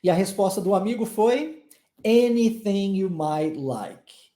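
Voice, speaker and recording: A man's voice: high voice, lively intonation, takes it slowly, dark tone, reverberant. A man from Brazil, an English teacher, giving a chatty online lesson and having listeners repeat phrases.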